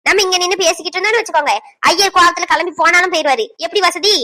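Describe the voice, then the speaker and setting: A woman voicing a bossy, sharp-tongued middle-aged mother-in-law at a wedding in a cartoon. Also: very high-pitched, racing. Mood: scolding. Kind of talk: cartoon voice acting, several village figures.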